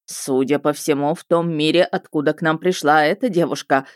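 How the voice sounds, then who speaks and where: A woman's voice: deep voice, steady tone, moderate pace, no room sound, clean studio sound, natural voice. A woman doing a gloomy thin lord. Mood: grim. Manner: sullen, heavy-sighing.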